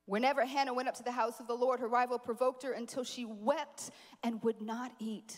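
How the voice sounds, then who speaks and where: A woman preaching a sermon at a conference, animated, with playful asides to the crowd. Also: on the high side, brisk, long reverb tail. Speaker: conference speaker. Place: large conference hall.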